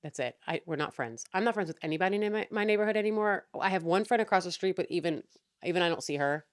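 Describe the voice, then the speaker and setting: A woman's voice: on the low side, animated, fast talker, clear, resonant tone, no echo, clean studio sound. A young woman hosting a casual storytime rant, chatty and exasperated, swearing freely. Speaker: podcast host.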